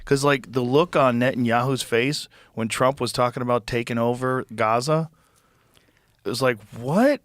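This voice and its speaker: A man hosting a podcast in casual conversation, animated and profane, who often mocks people in exaggerated voices. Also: medium pitch, moderate pace, dry recording, clean studio sound. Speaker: podcast host.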